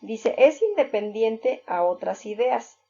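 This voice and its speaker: A woman teacher giving a recorded lesson, explaining step by step with examples and filling pauses with "este". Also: a little high, animated, vocal fry, dark tone, slight background noise. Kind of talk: recorded reading-skills lesson. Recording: dull lo-fi recording.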